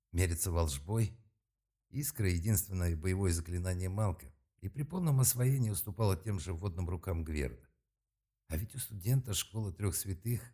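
Guy narrating an audiobook, really deep mellow voice, kinda husky, steady reading. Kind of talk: scripted narration.

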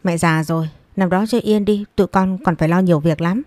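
A woman's voice: on the low side, fairly even intonation, a little fast, a little mellow, no echo, natural voice. A woman voicing a tired, regretful eldest son who speaks wearily. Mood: irritated. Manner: weary, sighing.

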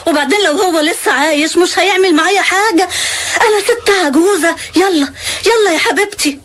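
A gentle old Egyptian lady who soothes and urges in a motherly way. Her voice is high and her words come quickly. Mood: soothing. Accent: Egyptian Arabic. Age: older. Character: old bedridden woman, calm and kind.

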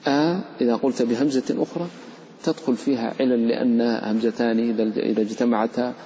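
A man's voice: mid-range voice, fairly even intonation, fast, mellow, a little hiss or hum. A man, a sheikh teaching Quran recitation rules, explains the material conversationally to his students, quizzes them and gives the letters voices of their own. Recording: dull reverberant hall recording.

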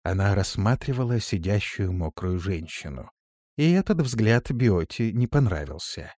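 A man narrating an audiobook in an expressive, steady storytelling manner. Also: fairly low pitch, a little slow, no room sound, clean studio sound. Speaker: audiobook reader. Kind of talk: scripted narration.

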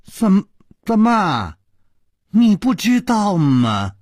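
A man's voice: fairly high pitch, sing-song, takes it slowly, darkish tone, husky, dry recording, studio quality, heavily acted. A man voicing a witty, composed young swordsman, speaking in a light, wry, questioning tone. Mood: pleading. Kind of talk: traditional storytelling broadcast.

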